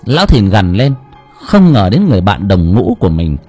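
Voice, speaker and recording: Expressive, husky male storyteller. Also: fairly low pitch, moderate pace, soft background music. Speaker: audiobook narrator. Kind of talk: dramatic story narration.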